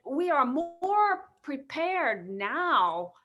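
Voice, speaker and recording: A veteran woman coach speaking on a group video call, halting and repeating herself as she speaks from the heart. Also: sits high, very animated, fairly bright tone, lo-fi sound. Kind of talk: casual sharing on a video call.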